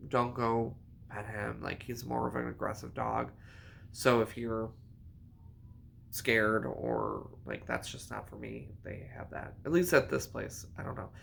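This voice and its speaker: A man's voice: mid-range voice, gravelly, slight background noise. A man vlogging in a casual, rambling way about his knitting, often correcting himself as he goes. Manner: rambling, chatty, self-correcting. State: hiccups. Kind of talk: casual chat.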